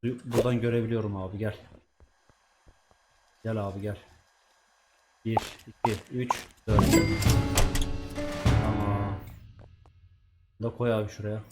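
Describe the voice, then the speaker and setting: A man's voice: on the low side, level tone, unhurried, long pauses, loud music behind the voice. A man giving casual let's-play commentary, chatting to himself and swearing at the game's characters. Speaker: gaming YouTuber.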